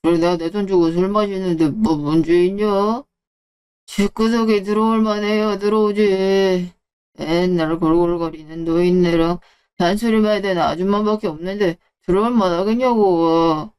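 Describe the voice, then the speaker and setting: A woman's voice: medium pitch, steady tone, normal speed, darkish tone, smooth, voice pushed down, lightly acted. A woman voicing a callous, selfish middle-aged husband who talks scornfully and dismissively. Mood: contemptuous. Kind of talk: Korean audio drama reading.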